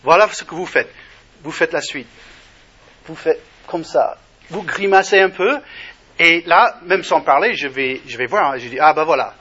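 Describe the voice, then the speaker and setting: Husky man with a foreign accent. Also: fairly high pitch, sharp tone. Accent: non-native French accent. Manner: halting, many restarts and fillers. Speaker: speaker. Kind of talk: personal testimony talk to an audience. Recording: dull lo-fi recording.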